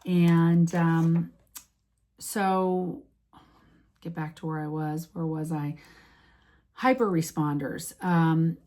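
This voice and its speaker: A woman's voice: low voice, fairly even intonation, takes it slowly, pauses often, a little mellow. A woman in her late fifties chatting casually to her followers, rambling with many restarts and fillers. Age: 50s. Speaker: vlogger. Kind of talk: casual chat to camera.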